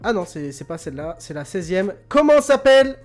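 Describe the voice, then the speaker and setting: Male host, high-pitched, loose and joking, over soft background music. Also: fairly quick. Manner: joking, laughs often, repeats words. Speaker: host of an online quiz radio show. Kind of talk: casual quiz hosting, chatting with listeners.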